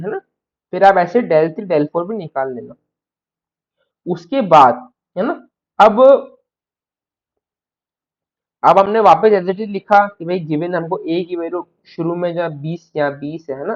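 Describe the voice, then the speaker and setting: Male tutor, high pitch, patient step-by-step explainer, muffled lo-fi recording. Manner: explains step by step, repeats "है ना" check-ins. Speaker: maths tutor. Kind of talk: recorded math lecture.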